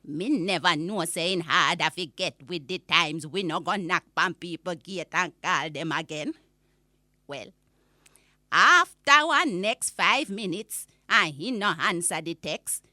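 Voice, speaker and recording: Woman playing a slow, indignant old Jamaican granny. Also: lowish voice, animated, pushed and bright, dry recording, studio quality, full character voice. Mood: exasperated, indignant. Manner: indignant, drawn-out emphatic storytelling. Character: exasperated old Jamaican granny telling a rant. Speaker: storyteller. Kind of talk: comic monologue rant.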